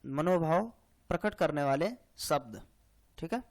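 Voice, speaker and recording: Male tutor with a high voice, for an exam-prep grammar lesson; slow, repetitive, keeps checking the student follows. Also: animated, gravelly, darkish tone. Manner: explains slowly, repeats lines, frequent "hai na" and "theek hai". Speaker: Hindi grammar teacher.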